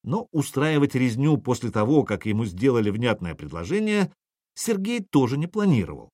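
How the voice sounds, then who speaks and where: A man reading an audiobook in an animated, expressive manner. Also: mid-range voice, moderate pace, dry recording, studio quality. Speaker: audiobook reader. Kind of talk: audiobook narration.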